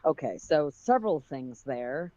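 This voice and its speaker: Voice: mid-range voice, animated, measured pace, mellow, highs cut off, lightly acted. Reader doing a teasing, wisecracking young man. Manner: teasing, pointed.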